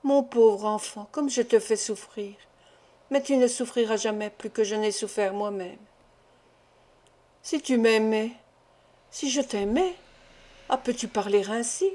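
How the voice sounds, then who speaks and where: A woman's voice: a little high, animated, unhurried, long pauses, darkish tone. A woman reading the part of an anguished middle-aged mother, pleading with impassioned, tearful words in an audiobook.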